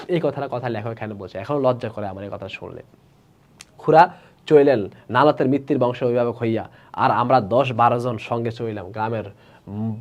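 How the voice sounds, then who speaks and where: A man's voice: mid-range voice, darkish tone. A man with a Bangladeshi Bengali accent teaching a literature class, reading story lines aloud and explaining them in casual speech, asking students questions.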